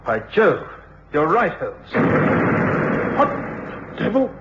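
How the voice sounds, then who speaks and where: An English actor playing a blustering, excitable police inspector in an old British radio drama. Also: male voice, high voice, slow, husky, heavily acted. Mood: alarmed. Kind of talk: 1950s-60s British radio drama acting. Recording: dull old radio recording, busy crowd-like background.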